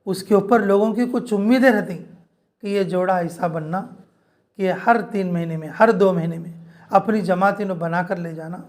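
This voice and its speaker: A man's voice: sits high, normal speed, darkish tone. A man preacher giving an informal sermon to a women's group, repeating his points in earnest, direct appeals. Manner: repetitive, earnest exhortation addressing listeners directly. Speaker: Islamic preacher.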